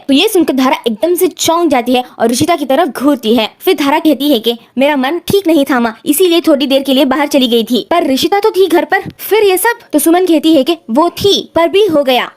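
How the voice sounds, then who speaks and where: A woman with a high voice narrates a recap of a TV serial episode. She recounts each character's lines in turn, lightly acting out the quoted lines.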